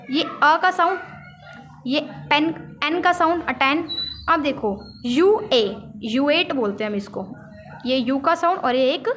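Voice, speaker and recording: A woman teaching a shorthand lesson, explaining signs on a board and slowly repeating each example word. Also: sits high, a bit bright. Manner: repeats example words slowly, drawing out syllables.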